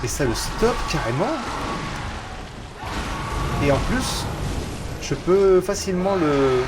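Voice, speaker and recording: A French man casually commenting on a video game he is streaming, chatty and excitable. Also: sits high, slow pace, heavy background noise. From France. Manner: chatty, excitable, swears at setbacks.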